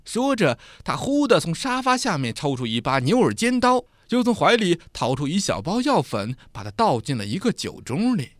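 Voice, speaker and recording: A man narrating a dramatic story in an expressive, animated way. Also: a little high, normal speed, hardly any pauses, dry recording, clean studio sound.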